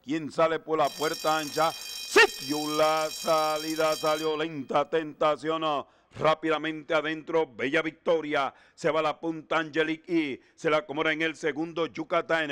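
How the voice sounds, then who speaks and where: A man's voice: fairly high pitch, flat delivery, normal speed, fairly bright tone, clean tone. A man calling a horse race live in continuous, urgent race-caller commentary.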